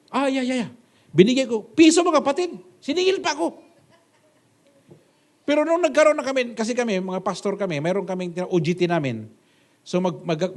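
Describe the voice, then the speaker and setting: Male pastor, high-pitched, emphatic sermon delivery with swings between loud exclamations and soft asides. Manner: emphatic preaching, repeated rhetorical "Ha?".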